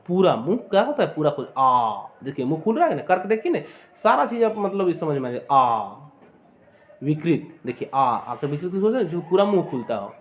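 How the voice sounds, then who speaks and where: A man's voice: a little high, slight background noise. A man teaching an exam-prep lesson, repeating points, calling his viewers friends and sounding out vowels for them to copy. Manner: repetitive, addresses viewers as friends, demonstrates sounds aloud.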